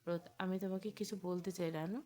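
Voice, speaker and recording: A shy young wife in an audio storybook, uneasy and soft-spoken, as a woman reader plays her. she answers in hesitant, quiet denials. the tone stays low and even. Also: fast talker, close to an everyday voice.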